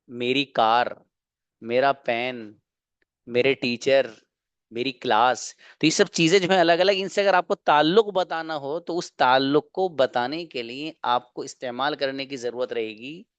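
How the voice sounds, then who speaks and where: A man teaching an online grammar lesson at a middle pitch, in a dry, close sound with no room echo. He explains patiently, stretches out example sentences word by word and keeps asking whether it is clear. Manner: explains slowly, repeating phrases and checking "clear?". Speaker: English teacher.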